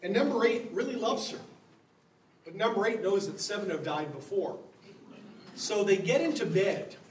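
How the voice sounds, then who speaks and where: High-voiced pastor lecturing in a roomy hall. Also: male voice, expressive, normal speed. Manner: wry and humorous, chuckling at the text. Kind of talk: lecture on the Bible. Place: church hall. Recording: roomy, from a distance, faint background hum.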